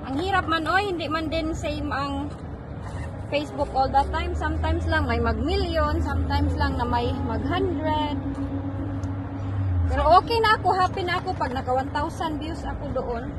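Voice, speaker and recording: A mother vlogging casually, chatting in a relaxed, easygoing way. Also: high voice, normal speed, noisy background. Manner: relaxed, chatty, code-switching. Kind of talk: casual family vlog chat.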